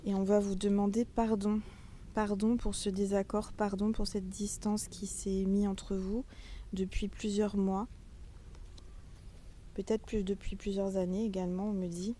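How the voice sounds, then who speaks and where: A mid-range, mellow female voice, level in tone and a little slow, comes through with a bit of hiss or hum. The speaker is a tarot reader giving a chatty, casual reading in front of a castle outdoors, calling the viewers she talks straight to her little stars.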